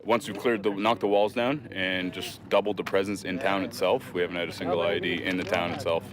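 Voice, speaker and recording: A man gives a matter-of-fact account from the field. His voice is low and stays flat. A crowd can be heard behind him. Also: fairly quick. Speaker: soldier. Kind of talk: field interview.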